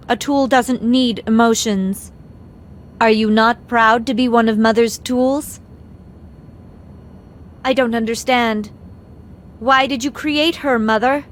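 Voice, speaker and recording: A woman voicing a cold, emotionless young living weapon in an anime dub, detached and flat. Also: a little high.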